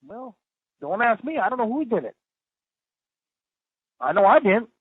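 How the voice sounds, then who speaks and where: A man speaking as an inmate on a recorded prison phone call, answering in halting, hesitant bits. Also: very high voice, sing-song, husky, no room sound. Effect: prison phone line. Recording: tinny prison phone line.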